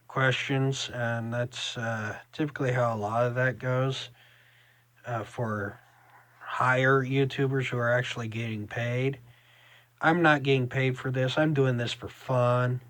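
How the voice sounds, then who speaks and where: Male vlogger, Southern US drawl, slow and halting delivery, casual rambling chat, dry recording. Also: mid-range voice, fairly bright tone, no echo. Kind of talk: casual solo vlog chat to camera.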